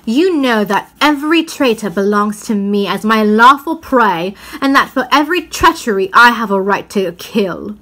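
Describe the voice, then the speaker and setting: Shrill witch queen, performed by a woman, cruel, imperious, savage, declamatory, storybook villain. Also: expressive, normal speed, hardly any pauses, sharp tone. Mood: imperious fury.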